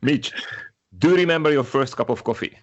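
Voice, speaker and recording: A man's voice: mid-range voice, fairly quick, muffled recording. A man from Slovakia whose first language is Hungarian, hosting a podcast interview in a casual, chatty way with many fillers. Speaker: podcast host.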